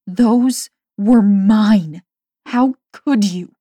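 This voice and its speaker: A woman narrator voicing a young woman betrayed by a friend, pleading and breaking into anguished shouts. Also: on the high side, unhurried, breathy edge, no echo, pitched above the performer's own voice.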